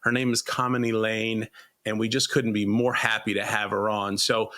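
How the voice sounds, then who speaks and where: Male podcast host with a forceful edge, enthusiastic, loose, full of restarts. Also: fairly low pitch, little pitch movement, normal speed. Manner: eager, rambling with frequent restarts. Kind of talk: interview podcast.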